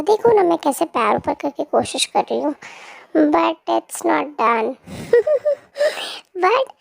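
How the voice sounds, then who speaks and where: Brief: cheerful baby girl narrating her day, very high pitched with a touch of fry. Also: darkish tone, no echo, exaggerated voice. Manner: chirpy, playful, talks straight to viewers. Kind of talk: cutesy vlog narration.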